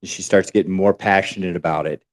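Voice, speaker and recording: Podcast co-host, male, low-ish voice, animated storyteller. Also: quick pace. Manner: animated retelling with acted quotes.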